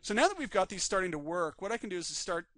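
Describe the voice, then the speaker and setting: Man talking through a live software class. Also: sits high, fast, no room sound. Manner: calm step-by-step narration of on-screen actions. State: slightly losing his voice. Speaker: 3D rigging instructor. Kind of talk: live screen-recorded software tutorial.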